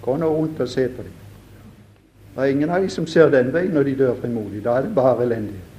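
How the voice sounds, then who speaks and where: A man's voice: mid-range voice, muffled recording, a little hiss or hum. A man preaching a sermon with fervor, firing rhetorical questions at his listeners and addressing them directly again and again.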